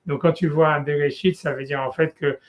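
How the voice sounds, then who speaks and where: Casual, halting male Torah teacher. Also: on the high side, fairly even intonation, crowd noise. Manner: casual, halting, many restarts and fillers. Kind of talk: informal one-on-one study session.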